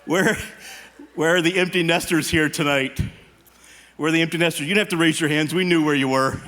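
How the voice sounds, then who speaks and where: Stand-up comedian, male, 50s. High, sharp voice, animated delivery, works the live crowd with teasing questions. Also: brisk. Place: live stage show before an audience.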